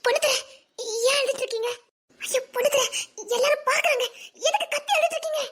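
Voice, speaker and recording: A woman's voice: extremely high pitch, fast. An actress with a Tirunelveli accent playing a worried young woman who pleads anxiously with a weeping man. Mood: distressed. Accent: Tirunelveli Tamil. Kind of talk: web series drama acting.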